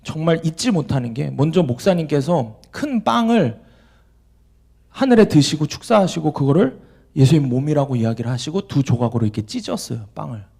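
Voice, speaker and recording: Animated gravelly young male preacher. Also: fairly high pitch. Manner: animated, acts out quoted voices, asks the audience questions. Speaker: junior pastor preaching to young adults. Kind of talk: storytelling sermon.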